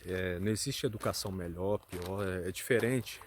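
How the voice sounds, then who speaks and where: A man's voice: low voice, moderate pace, slight background noise. A Brazilian man with a Brazilian Portuguese accent talking casually as a channel host, hesitant and full of fillers and hedges. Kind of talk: casual chat.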